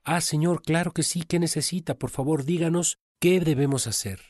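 A man's voice: on the high side, moderate pace, a little mellow, no echo, studio quality, pitched above the performer's own voice, close to an everyday voice. A man voicing a group of tired male servants who complain about their master. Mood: eager, polite. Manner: complaining, exasperated.

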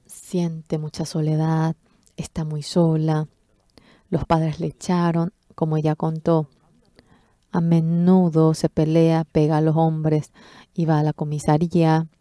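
A woman interpreting a sermon testimony, expressive, acting out quoted speech with sudden jumps in pitch. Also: slow, dry recording, studio quality.

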